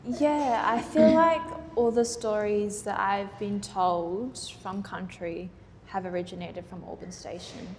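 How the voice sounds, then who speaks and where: A woman's voice: medium pitch, takes it slowly, a little mellow. An Australian woman, a guest artist on a gallery panel, speaking hesitantly and casually with many fillers. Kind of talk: public panel conversation. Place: gallery event space. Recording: roomy hall reverb, faint noise.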